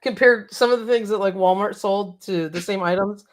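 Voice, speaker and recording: A woman co-hosting a casual talk show, chatty and quick to laugh, her voice a little cracked. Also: mid-range voice. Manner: chatty, laughs often, reads out viewer comments. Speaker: podcast co-host. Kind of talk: casual chat.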